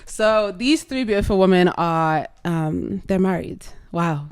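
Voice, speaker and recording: A woman's voice: on the low side, unhurried, clean tone. A woman in her twenties hosting a casual chat, giggly and rambling, with religious exclamations. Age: 20s. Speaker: host.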